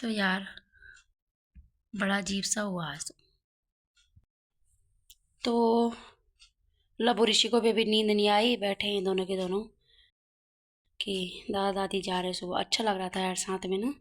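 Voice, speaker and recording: This is a young woman with an Uttarakhand Hindi accent, speaking in a mid-range voice. She tells a story in a casual home vlog, chatty and animated, with frequent asides. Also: mid-range voice, unhurried, long pauses. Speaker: vlogger.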